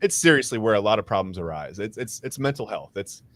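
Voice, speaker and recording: A man's voice: fairly low pitch, animated, fast, no room sound. A man co-hosting a casual sports podcast, who talks emphatically and repeats words when he gets worked up. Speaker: co-host.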